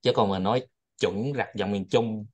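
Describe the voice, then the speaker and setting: A man's voice: fairly low pitch, steady tone, moderate pace. A man hosting a study group, chatting casually and rambling, often repeating his words.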